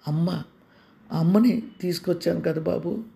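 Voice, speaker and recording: A man's voice: on the high side, unhurried, creaky, mellow, voice pushed up. A man voicing an anxious father who coaxes and presses his sick son, urgent and raised. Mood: coaxing.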